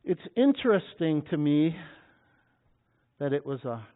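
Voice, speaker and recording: A man preaching a sermon, reading scripture and bursting into loud, dramatic cries at the high points. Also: very animated, a little slow. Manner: dramatic, shouting scripture at peaks. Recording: tinny phone-like sound.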